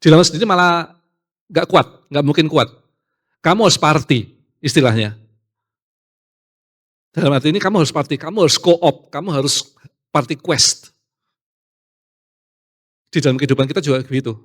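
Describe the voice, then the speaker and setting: A man preaching a casual youth sermon, animated, acting out quoted voices and slipping in English phrases. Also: fairly high pitch, moderate pace, pauses often.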